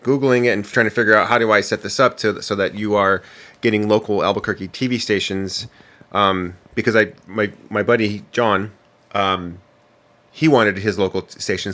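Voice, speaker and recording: A man's voice: on the low side, bright, forceful tone. A young adult man co-hosting a podcast in casual chat, rambling with many ums and restarts. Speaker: podcast co-host.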